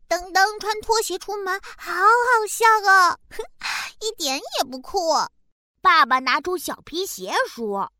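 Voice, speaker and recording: A woman's voice: very high-pitched, expressive, takes it slowly, bright, forceful tone, no echo, exaggerated voice. A woman voicing a cheerful, proud little boy bear cub in a children's storybook, playful and sing-song, with sound effects. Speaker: storybook narrator in character.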